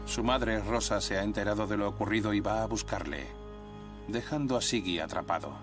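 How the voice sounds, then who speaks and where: A man's voice: on the low side, fairly quick. A man delivering scripted nature documentary narration. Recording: narration over background music.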